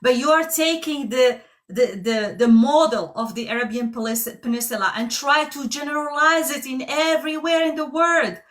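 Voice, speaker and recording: Her voice is high and fairly bright, and she speaks at a moderate pace with few pauses. A woman from Algeria, she runs a heated live debate stream, pressing her points insistently and frequently interrupting.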